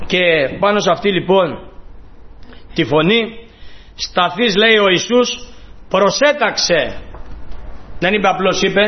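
High-voiced man preaching a fervent sermon. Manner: fervent preaching, voicing quoted pleas and rising to loud emphasis. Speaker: priest. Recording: dull lo-fi recording.

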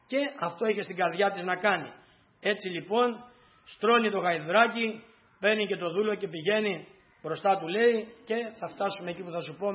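Brief: earnest male preacher, high voice, retells scripture, slightly dull recording. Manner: earnest, repetitive, storytelling. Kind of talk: sermon.

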